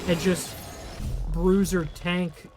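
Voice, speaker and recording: A hoarse man calling live esports play-by-play, excitable and quick in his calls. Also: high voice, over music. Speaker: esports caster.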